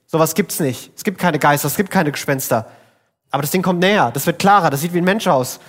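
A frightened fisherman disciple, a grown man, keeps telling himself this cannot be real. A preacher acts him out in a fairly high voice dropped into low, hushed disbelief. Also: fast talker. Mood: disbelieving. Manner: disbelieving, rising into a scream.

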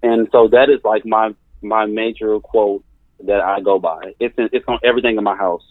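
A man's voice: fairly low pitch, steady tone, moderate pace, no room sound. Man on a tinny phone line. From California. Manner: earnest, emphatic, repeats key phrases. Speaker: therapist guest. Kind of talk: conversational interview.

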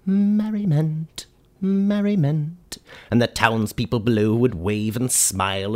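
An actor playing a goofy, cheerful ghost of a warlord in a comedy radio sketch, talking in a whimsical, rambling way. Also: male voice, lowish voice. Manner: whimsical, rambling, sing-song.

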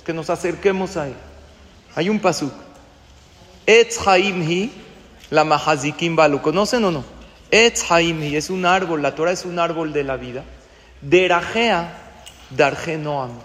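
High-voiced man preaching in a hall. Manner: asks the listeners questions, acts out quoted voices. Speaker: rabbi teaching a class. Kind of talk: sermon with a told story.

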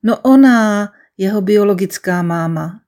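A woman's voice: mid-range voice, dark tone, close to an everyday voice. Woman doing a tearful, sobbing young woman. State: sobbing, crying. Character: shy, tearful woman around thirty.

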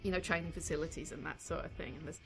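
A woman co-hosting a casual football chat, thoughtful and measured, repeating words as she thinks. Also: deep voice, steady tone, vocal fry, a bit bright, faint music behind. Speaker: podcast co-host.

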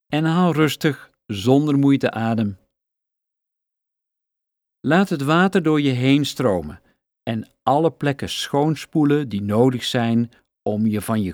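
A man calmly and soothingly narrating a scripted guided breathing meditation, giving unhurried instructions. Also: medium pitch, no echo, studio quality.

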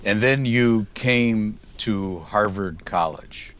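A middle-aged professor hosts a formal academic podcast interview in a fairly low, fairly bright voice. He starts with a measured, scripted introduction, then shifts to easy conversational questions for his guest.

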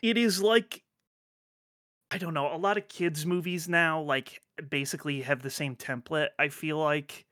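A man's voice: a little high, unhurried, a bit bright, no echo, clean studio sound. A man hosting a podcast in casual chat, rambling with lots of fillers, restarts and offhand swearing. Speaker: podcast host.

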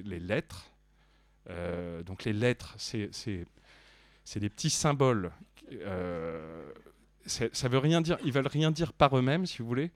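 A man giving a deadpan mock review of a dictionary, rambling with many restarts and fillers. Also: medium pitch, no room sound.

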